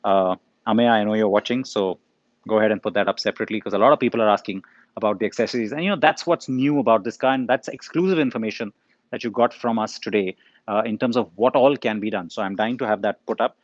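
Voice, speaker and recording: Low-voiced middle-aged man, casual live Q&A host, slightly muffled dry recording. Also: quick pace, no room sound. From India. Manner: conversational, frequent ums and uhs, addresses viewers by name. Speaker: editor answering viewer questions.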